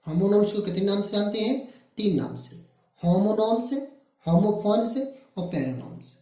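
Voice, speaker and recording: A man's voice: high voice, animated, moderate pace, warm tone. A male teacher from Madhya Pradesh, India, giving a classroom-style grammar lesson. He asks questions and answers them himself, repeating the key words. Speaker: English teacher. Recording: echoey room.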